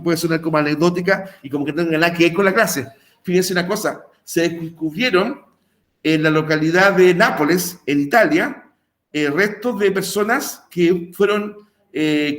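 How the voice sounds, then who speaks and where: Male teacher, high voice; chatty, filler-laden lecture delivery. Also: a bit bright. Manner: rambling, filler-heavy, checks in with "¿verdad?" and "¿ya?". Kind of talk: recorded online class explanation.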